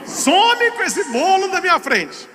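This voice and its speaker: A man's voice: extremely high pitch, sing-song, unhurried, pushed and bright, voice pushed up, full character voice. A man doing a rude, snapping husband. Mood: angry. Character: angry husband insulting his wife. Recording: echoey hall.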